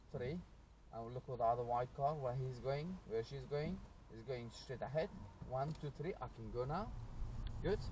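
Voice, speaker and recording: Careful unhurried guy doing driving instructor commentary, bit higher voice, short steps, loud car noise behind him. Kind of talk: driving lesson commentary, step-by-step spoken demonstration. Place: inside a moving car on town roads. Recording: noisy car interior, distant mic, road noise.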